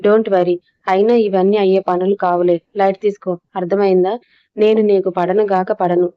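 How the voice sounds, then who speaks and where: A man's voice: sits high, level tone, normal speed, clear, resonant tone, no echo, close to an everyday voice. A woman voicing a teasing, confident young male student in a storybook reading, with dull, dry sound. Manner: playful, teasing.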